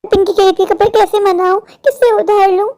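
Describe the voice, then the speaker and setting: A woman's voice: very high voice, fairly even intonation, fairly quick, mellow. A woman voicing a poor young woman in a cartoon, a worried older sister who pleads in a worn-down, sorrowful way. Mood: despairing. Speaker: cartoon character. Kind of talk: Hindi cartoon voice acting.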